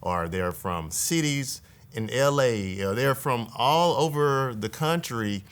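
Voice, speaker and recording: A man in his thirties, a state legislator, talking earnestly in a relaxed conversation and often adding "right?" to his points. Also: mid-range voice, takes it slowly, clean tone. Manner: earnest, reflective, tag questions. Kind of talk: casual conversation.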